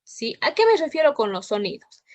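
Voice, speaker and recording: Female teacher on an online class, high-pitched and dry, patient explainer. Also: very animated, normal speed, darkish tone, dry recording, dull audio. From Ecuador. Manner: patient, checks in with frequent questions.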